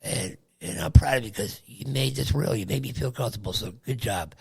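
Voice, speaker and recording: A man's voice: mid-range voice, brisk, vocal fry, a little mellow, husky. An older man chatting casually about sports and history with his son, rambling, trailing off and laughing often. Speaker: guest, host's father. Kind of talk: casual chat.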